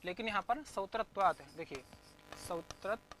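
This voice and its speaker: Speaking quite quickly in a high register, this man runs an online Sanskrit grammar lesson with noise in the background. He asks and then answers his own questions, says each term more than once, and narrates his search for notes on screen partway through.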